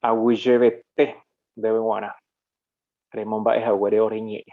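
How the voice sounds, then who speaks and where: A man from Paraguay teaching a live online language class. He talks slowly and patiently, explaining each point and stopping to correct himself. The recording sounds a bit dull and lo-fi. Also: fairly low pitch, flat delivery. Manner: explanatory, with frequent fillers and self-corrections. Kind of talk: live online lesson, reading comments.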